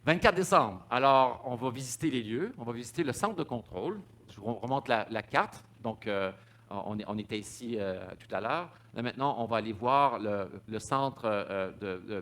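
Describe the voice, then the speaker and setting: A man's voice: on the low side, a bit bright. A man giving a public talk, stumbling over repeated words and fillers. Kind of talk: public lecture with slides.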